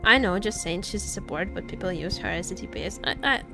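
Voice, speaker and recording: Chatting with viewers about games, this woman content creator livestreams in a casual, halting, joking way, repeating herself often over faint background music. Her voice is lowish and expressive, with vocal fry.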